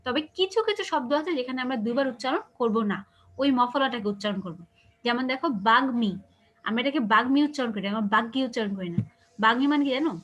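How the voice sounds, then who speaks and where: A woman teacher with a Bangladeshi Bengali accent leads an online class. Her voice sits high and she talks quickly. She explains step by step and keeps asking her students if they understand. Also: animated, fairly bright tone, muffled recording. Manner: explains patiently, asks checking questions.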